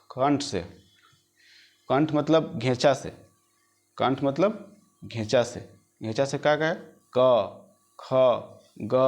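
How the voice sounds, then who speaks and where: A man teaching an exam-prep grammar lesson. He repeats phrases, sounds out letters slowly and keeps checking whether the students follow. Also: medium pitch.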